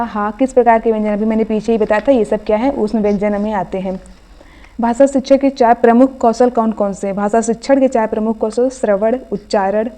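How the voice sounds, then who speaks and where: Woman teacher quizzing through a hindi revision class, highish voice, soft mellow tone. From India. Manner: quizzing, asks then answers each question. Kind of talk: exam revision lesson.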